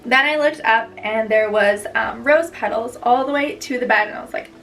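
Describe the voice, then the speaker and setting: A woman's voice: a little high, normal speed, gravelly, fairly bright tone, recorded from a distance, faint music behind, low-quality recording. A young woman vlogger chatting casually as she tells a story, bubbly and gushing, rambling on.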